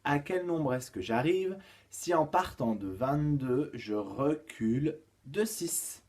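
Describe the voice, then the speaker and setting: A male kindergarten teacher giving a home-schooling lesson to young children. He counts aloud, sings a rhyme and reads riddles slowly and clearly. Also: on the high side, expressive, darkish tone.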